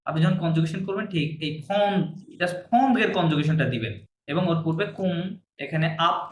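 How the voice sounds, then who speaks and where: A man's voice: a little high, fairly quick. A man teaching a language class, patiently repeating words for his students to copy. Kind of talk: classroom lesson. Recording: echoey room, faint hiss.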